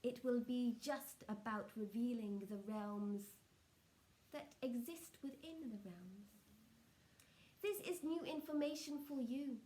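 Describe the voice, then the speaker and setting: A woman speaking as a trance channelling seance medium, solemn and measured, delivering spiritual messages in short halting phrases. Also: a little high, warm tone.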